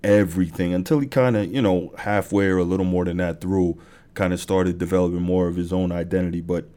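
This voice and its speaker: Deep-voiced man talking hoops. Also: fairly even intonation, brisk, warm tone, clear, resonant tone. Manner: conversational, many fillers and restarts. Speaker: sports podcast host. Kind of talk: casual monologue.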